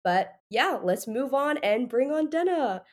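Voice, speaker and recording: A woman's voice: high-pitched, expressive, unhurried, a little mellow. A woman hosting a podcast interview, her voice a little nasal and stuffy from allergies, upbeat and chatty with frequent fillers. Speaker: podcast host.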